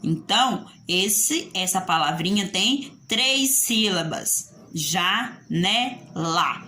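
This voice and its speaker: A woman teacher with a Brazilian Portuguese accent leads a video lesson for young children. Her medium-pitched voice is pushed and bright, sing-song as she asks pupils questions and answers them.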